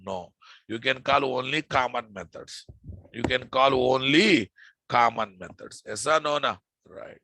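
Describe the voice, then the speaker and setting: Crisp, slow-paced Telugu-accented Indian male instructor. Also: mid-range voice, pushed and bright, dry recording. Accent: Indian, Telugu-influenced. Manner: repeats phrases, frequent check-in questions. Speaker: programming instructor. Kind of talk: live coding lesson, addressing students.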